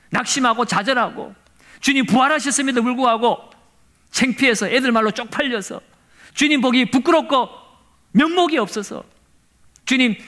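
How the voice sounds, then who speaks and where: A male pastor delivers an earnest sermon, speaking straight to his congregation. His voice sits very high for a man and rings bright and forceful. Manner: earnest preaching, addressing the congregation directly.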